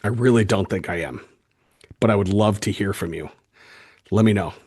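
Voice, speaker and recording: A man's voice: on the low side, moderate pace, a little mellow, husky. A man hosting a solo podcast, talking earnestly and emphatically, often stammering and restarting his sentences. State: fired up. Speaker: podcast host.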